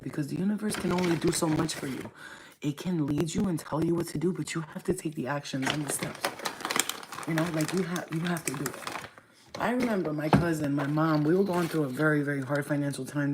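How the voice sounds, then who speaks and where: Blunt, profane and preachy, this Staten Island, New York, channel host and spiritual reader speaks straight to viewers in casual to-camera talk. Her deep voice is fairly even in intonation and fairly quick, and the recording is very noisy.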